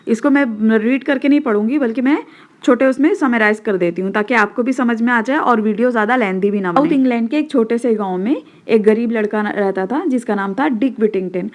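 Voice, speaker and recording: A woman's voice: fairly high pitch, fairly quick, muffled recording. A woman with an Indian accent, teaching a school textbook lesson and switching between Hindi and English, explaining step by step and checking that students follow.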